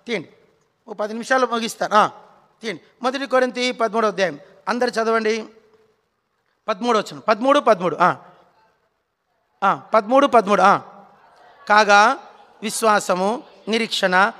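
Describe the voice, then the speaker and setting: A man's voice: very high-pitched, pushed and bright. A man in his forties preaching a sermon in a church hall, urging the congregation to repeat lines and telling humorous stories. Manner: storytelling with humor and rhetorical questions. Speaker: pastor.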